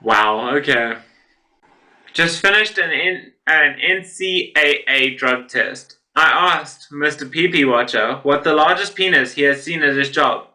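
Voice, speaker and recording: A man talks casually over funny posts in a reaction video, amused and laughing often. His voice is strikingly bright and a little high. He speaks at an unhurried, drawn-out pace, rambling through fillers and restarts. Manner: amused, laughs often while reading and commenting; rambling, with many fillers and self-corrections.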